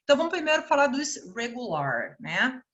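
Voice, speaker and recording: A woman with a Brazilian Portuguese accent teaching an online English grammar lesson, explaining slowly and checking in with "né?" after each point. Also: high voice, big pitch swings, fairly bright tone, dull audio. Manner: explains slowly, repeats words and asks "né?".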